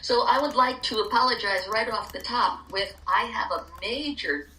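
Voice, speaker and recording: An older woman leading a guided meditation in soft, gentle, hushed phrases with pauses. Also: on the high side. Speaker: meditation leader. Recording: echoey room, distant mic.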